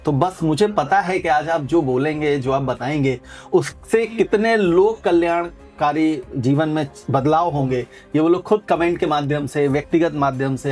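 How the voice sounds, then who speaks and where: Earnest male host, a little high. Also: a little mellow. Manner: emotive, earnest, with sudden lifts in pitch. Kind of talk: devotional interview.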